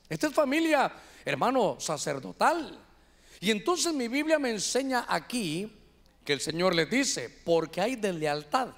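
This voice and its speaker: A man with a Honduran accent preaching a sermon to his church, animated, often calling the listeners "hermano". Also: high voice. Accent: Honduran Spanish. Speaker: pastor.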